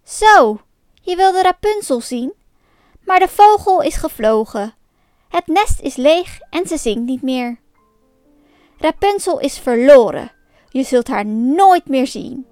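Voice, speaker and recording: A woman reading aloud plays a spiteful old witch from a storybook who scolds at full volume and stretches each word. The voice sits high and is heard up close and dry, as the narrator puts it on. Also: very animated, takes it slowly, no room sound, faint music behind, heavily acted. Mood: gloating. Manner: scolding, loud and drawn out. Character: angry old female witch.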